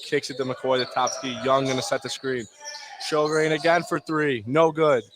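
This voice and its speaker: Gym noise is clearly heard as a male sports radio commentator calls a high school basketball game indoors, in short, clipped play-by-play phrases. He speaks in a mid-range voice with a level tone at a moderate pace.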